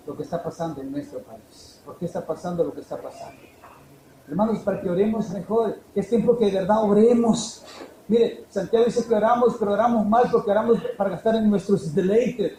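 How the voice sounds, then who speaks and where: A man preaching a fervent sermon, swinging from emphatic peaks down to low, quiet lines. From El Salvador. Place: church hall. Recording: echoey church room, faint noise.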